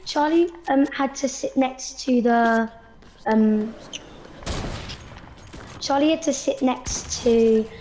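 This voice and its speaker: A high-pitched woman recounts a story in a casual way, with a faint hiss behind her. She stops and restarts often, filling gaps with ums. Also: dark tone, poor audio. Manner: halting, restarts often with fillers.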